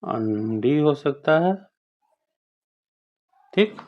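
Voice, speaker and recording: Woman teacher, very low and slow, patient workbook explainer, dull lo-fi sound. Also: expressive. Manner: patient, repeats words and checks with 'okay?'.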